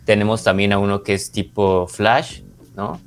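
This series reviewer co-hosts a podcast, speaking with a Mexican accent at a moderate pace and a pitch on the low side. His review is casual and informal, often rephrased mid-explanation, with soft music in the background.

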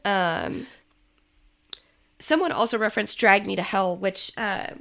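Chatty woman with a gravelly edge. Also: medium pitch, measured pace, fairly bright tone. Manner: chatty, many ums, laughs easily. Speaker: podcast co-host. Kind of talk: casual chat.

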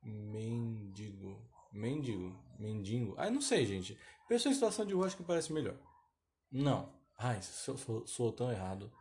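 A man's voice: medium pitch, big pitch swings, brisk, a little mellow. A Brazilian man with a Brazilian accent hosting a casual solo podcast, telling a story in a rambling, self-deprecating way. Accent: Brazilian Portuguese. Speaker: podcast host.

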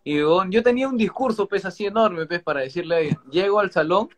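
A man's voice: sits high, expressive, quick pace, crowd noise. A young man with a Peruvian Spanish accent, telling an anecdote in a casual, slangy chat full of swearing and fillers. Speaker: livestream co-host. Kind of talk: casual storytelling.

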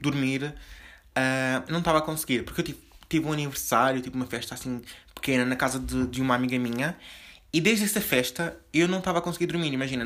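A young man with a European Portuguese accent and a soft voice, rambling confessionally as host of his own casual podcast, with many fillers and restarts. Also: mid-range voice. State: slightly deeper voice from just waking up. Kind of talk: casual solo podcast chat.

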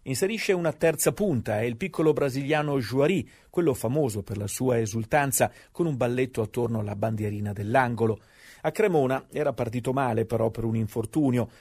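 A man's voice: mid-range voice, darkish tone, slightly rough. A man narrating scripted sports history as a storyteller, with conversational rhetorical asides.

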